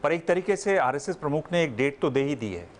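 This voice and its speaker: A man's voice: fairly high pitch, lively intonation, fairly quick, a little hiss or hum. A man, a journalist, asking pointed follow-up questions and pressing his point at a press conference.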